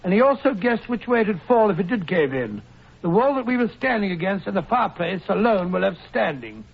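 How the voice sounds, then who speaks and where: A man's voice: sits high, lively intonation, brisk, vocal fry, husky, exaggerated voice. An actor playing an anxious, loyal male doctor companion in an old radio play, speaking in an earnest, fretful way. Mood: recounting. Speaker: sidekick and narrator in a radio play. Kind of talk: 1940s radio acting. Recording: muffled old radio recording.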